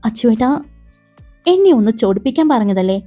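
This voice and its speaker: A woman's voice: fairly high pitch, big pitch swings, brisk, husky, faint music behind. A woman reading the part of a shy, affectionate young college student in a romance story. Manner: shy, soft, flustered.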